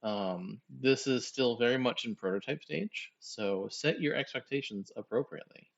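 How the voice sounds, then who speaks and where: A man's voice: medium pitch, moderate pace, gravelly. A man hosts a casual game stream in an easy, joking manner, walking viewers through the rules. His voice sits mid-range and comes through a little dull, like lo-fi stream audio. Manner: relaxed, jokey, explains game rules. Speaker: stream host.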